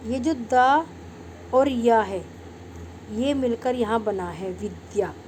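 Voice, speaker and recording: A woman from India with a somewhat raised voice teaches an online Sanskrit class. She breaks words into syllables and says each one slowly and deliberately. A faint hum runs under her voice. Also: on the high side, darkish tone. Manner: patient, drawn-out syllable-by-syllable pronunciation; addresses pupils as "beta".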